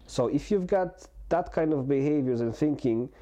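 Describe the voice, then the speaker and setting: Guest in his 40s, mellow voice, halting and candid, lots of restarts. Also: on the high side. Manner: halting, full of restarts and fillers; earnest and open. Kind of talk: candid personal conversation.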